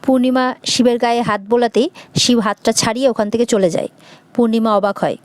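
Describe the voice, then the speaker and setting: A woman narrating a recap of a television serial episode in a brisk storytelling manner. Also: on the high side, fairly even intonation, no room sound.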